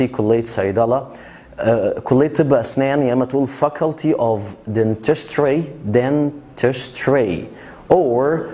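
A young Egyptian man with a mid-pitched voice runs a relaxed English lesson, dropping jokes between examples. Whenever an English word comes up he slows down and draws it out carefully so the learner can copy it. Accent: Egyptian Arabic. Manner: slows down and stretches out English words to drill pronunciation; joking, chatty asides. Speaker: English teacher. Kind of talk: casual video lesson explaining vocabulary.

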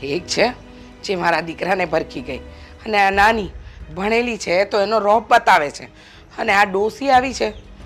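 A woman's voice: mid-range voice, a bit bright. A woman with a Gujarati accent playing a scheming older mother-in-law who scolds and grumbles, in a short drama. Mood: bitter grumbling.

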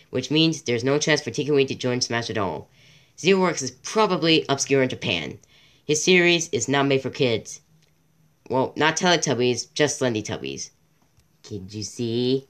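A man's voice: medium pitch, a bit bright. A man from Canada hosting a casual home-recorded video, reading a wiki aloud in a rambling, self-interrupting way while losing his voice. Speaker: channel host.

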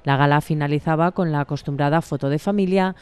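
A woman reads a local news report in a steady, measured voice-over. Her tone is mellow and warm, and faint music plays underneath. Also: low-pitched. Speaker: news narrator.

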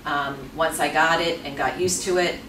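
A woman calmly and reflectively telling her own story. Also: deep voice, normal speed, distant mic, slight background noise. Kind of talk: personal testimony. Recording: echoey room, away from mic.

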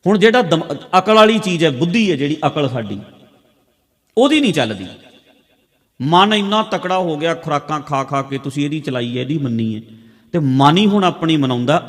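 A man's voice: a little high, expressive, fairly quick, big-room sound. A man with a Punjabi accent giving a religious discourse, explaining with everyday examples and repeating key phrases. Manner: conversational, repetitive teaching with everyday examples. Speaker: preacher. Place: large hall with a congregation.

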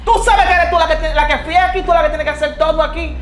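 A woman's voice: extremely high pitch, steady tone, quick pace. A woman playing a bossy lazy husband. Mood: scolding. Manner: indignant, scolding, pleading when cornered. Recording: echoey room.

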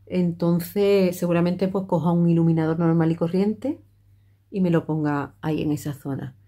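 A woman's voice: lowish voice, moderate pace, dark tone. A middle-aged woman, chatting her way through a makeup tutorial with many fillers and restarts. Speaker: makeup vlogger.

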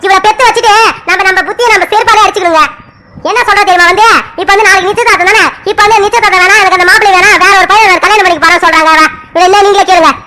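A woman voicing a loud, scolding cartoon mother. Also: very high voice, fairly even intonation, rapid-fire. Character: scolding middle-aged mother, loud and exasperated. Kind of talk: animated family serial voice acting.

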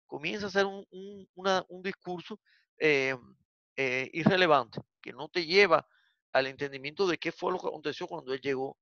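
Profesor con voz áspera y brillante, grabación apagada. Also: male voice, a little high, normal speed, sharp tone, no room sound, lo-fi sound. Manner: explanatory, frequent "eh" fillers, addresses class as "señores". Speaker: psychiatry lecturer. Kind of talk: university lecture.

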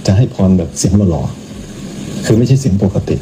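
A low-voiced male monk chats casually and teases with a joking manner. Clear background noise runs behind his voice throughout. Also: very animated, normal speed. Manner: teasing, joking. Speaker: Buddhist monk. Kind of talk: casual mocking commentary.

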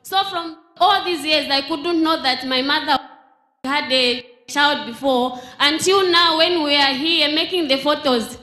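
Bright high woman from Zambia testifying. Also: measured pace. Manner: earnest storytelling. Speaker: testifying congregant. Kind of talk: church testimony. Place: large church hall. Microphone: handheld mic. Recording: echoey church hall.

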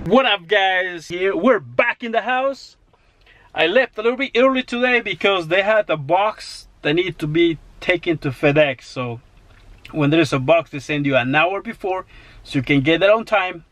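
A man's voice: high-pitched, fairly bright tone, no room sound. A man doing a casual daily vlog in and around his car, rambling and calling viewers guys and bro, and fumbling through repeated greetings. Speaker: vlogger. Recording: noisy with car and street sounds.

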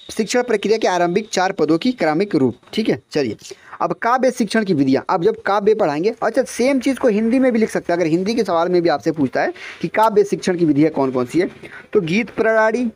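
A young man giving a casual exam-prep lesson, explaining step by step and correcting himself as he goes. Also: high-pitched. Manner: explains step by step, often saying "ठीक है" and addressing viewers as friends; self-correcting, restarts words. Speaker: exam tutor.

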